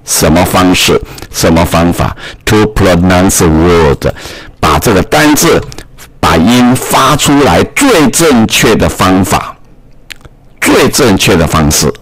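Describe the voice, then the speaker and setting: A male teacher talks through an English reading lesson in a low, husky voice. His delivery is unhurried and lively in pitch, and he repeats each point in slightly different words. The sound is dry and close. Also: no room sound. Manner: reads English phrases slowly, then explains in Mandarin. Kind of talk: recorded reading lesson explaining English text.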